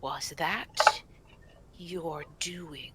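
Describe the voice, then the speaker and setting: Woman voicing a spirit stag, ancient forest guardian, hateful, ominous whisper, slow, low, faint background noise.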